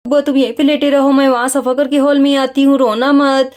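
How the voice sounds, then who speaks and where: A brisk, high-voiced young village mother, as a woman voices her in a children's bedtime storybook tale. She talks fast and chatty while she tidies, and her scolding stays fond. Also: little pitch movement, a little mellow, lightly acted. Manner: brisk, chatty, fussing over a baby.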